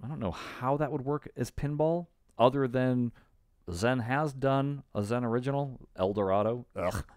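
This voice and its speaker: A middle-aged man co-hosts a podcast, thinking aloud in casual, speculative chat. His mid-range voice is darkish, clear and resonant, moving at a normal speed. He's recorded dry and close on a boom-arm podcast mic in a small room at home.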